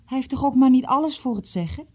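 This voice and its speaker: A woman's voice: sits high, lively intonation, fast, husky, voice pushed up. A woman reading the part of an earnest, troubled schoolboy who pleads and stammers. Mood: pleading.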